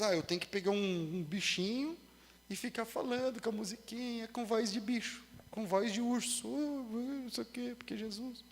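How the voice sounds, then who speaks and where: A man preaching a sermon with a Brazilian Portuguese accent. He moves between loud emphasis and quiet asides and acts out quoted voices with humor. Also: on the high side, in a large hall. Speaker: pastor.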